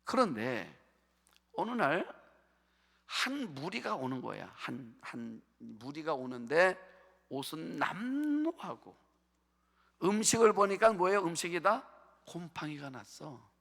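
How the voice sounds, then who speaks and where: A man's voice: fairly high pitch, very animated, slow pace, creaky, long pauses, a bit bright. A male pastor preaching a sermon, asking the congregation questions and answering them himself. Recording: long hall reverb.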